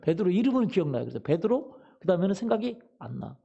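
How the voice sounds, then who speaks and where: A man's voice: sits high, big pitch swings, quick pace, gravelly, dark tone, slightly rough, highs cut off. A male pastor preaching a Sunday sermon in a church, telling a story and asking the congregation questions that he answers himself. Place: church sanctuary.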